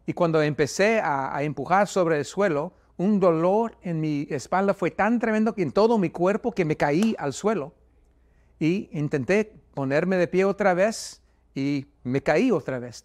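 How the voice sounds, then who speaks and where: Giving a personal testimony of faith, a man stumbles through his words, repeating himself and starting over often. Remembering his anguish, he rises in pitch and volume.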